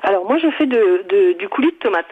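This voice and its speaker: A woman calling in to a radio show and explaining a recipe in a halting way, correcting herself as she goes. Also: mid-range voice, lively intonation, husky. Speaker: caller. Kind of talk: call-in recipe chat. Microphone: telephone. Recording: tinny phone line.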